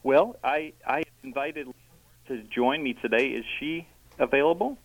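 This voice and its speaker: On a tinny phone line, a man calls into a radio show as a guest on behalf of a charity, speaking hesitantly and peppering his casual interview with ums and uhs. His mid-range voice moves at a moderate pace, with no room sound.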